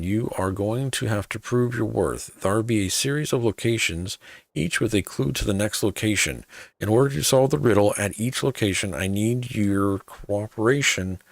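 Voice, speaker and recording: A man voicing a gruff, wily old pirate sailor in archaic seafaring dialect for a video game quest. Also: on the low side, no room sound.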